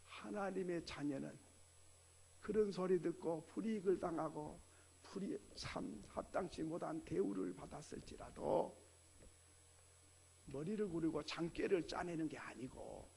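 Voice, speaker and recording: A man's voice: a little high, unhurried, gravelly, dark tone, husky. A man preaching a sermon as a pastor, in a conversational way full of rhetorical questions.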